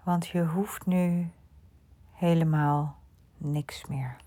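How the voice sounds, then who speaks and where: A woman leads a bedtime relaxation in a hushed voice that often drops to a whisper. Her pace is very slow and her tone is dark and mellow, with a breathy, husky edge and a fairly low pitch. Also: fairly even intonation. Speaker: sleep meditation guide. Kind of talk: guided sleep relaxation.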